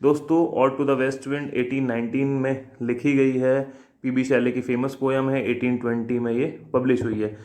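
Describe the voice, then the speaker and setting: A man teaching an exam-prep lesson, reading English questions slowly and then explaining them in a chatty way. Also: mid-range voice, little pitch movement, darkish tone. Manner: addresses viewers as friends, reads English questions slowly then explains in Hindi.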